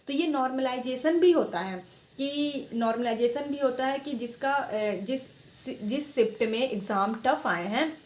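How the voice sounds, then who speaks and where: A woman talks students through exam preparation in a loose, chatty way, circling back and repeating herself. Her voice sits fairly high. The recording carries a noticeable echo of the room. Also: a little hiss or hum. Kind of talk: informal advice talk to students.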